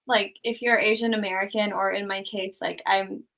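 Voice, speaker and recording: A young woman who grew up in Thailand, a small YouTuber, chats as a guest in an interview. Her mid-range voice has vocal fry and moves at normal speed, and she rambles in a relaxed way full of "like" and "um."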